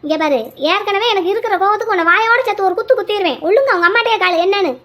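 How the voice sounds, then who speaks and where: A woman voicing a bossy, sharp-tongued young daughter-in-law who scolds briskly. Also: very high-pitched. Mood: scolding.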